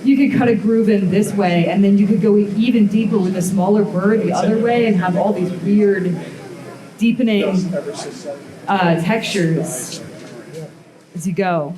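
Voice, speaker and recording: A blacksmith demonstrator leads a live metalworking demo before an audience, her mid-range voice warm and a little slow. She rambles casually, dropping plenty of "um" and "like" fillers. The room is echoey, with crowd sounds in the background.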